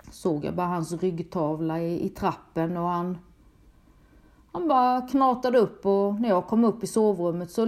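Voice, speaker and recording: Middle-aged woman from Sweden, mellow low-bright tone, halting emotional first-person testimony. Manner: halting, emotional retelling with repeated words. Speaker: storyteller recounting a personal experience.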